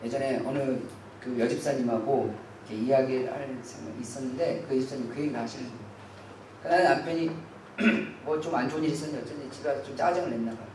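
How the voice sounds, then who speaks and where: A man's voice: mid-range voice, fast, darkish tone. A man preaching a Sunday sermon as pastor, earnestly putting rhetorical questions to the congregation. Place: church sanctuary. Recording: very echoey hall, distant mic, faint hiss.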